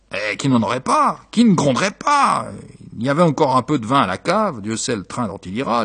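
A man's voice: fairly high pitch, creaky, breathy edge, exaggerated voice. A man voicing a poor young husband who grumbles in exasperation about money and children.

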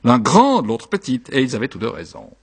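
A man reading a classic novel aloud, expressive and rhythmic. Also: mid-range voice, a little fast, slightly rough. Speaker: reader.

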